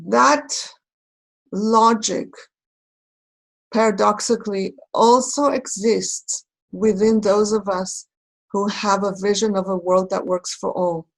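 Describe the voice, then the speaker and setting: Woman from israel talking it through slowly, lots of ums, restarts, thinking out loud. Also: medium pitch, fairly even intonation, vocal fry, poor audio. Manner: thoughtful, halting, searching for words. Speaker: speaker in a recorded conversation. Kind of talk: reflective talk.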